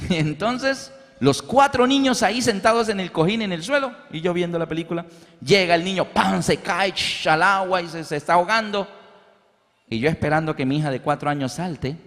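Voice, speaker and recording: High-voiced preacher in a reverberant hall. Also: male voice, normal speed. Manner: animated storyteller, acts out voices. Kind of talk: sermon with storytelling.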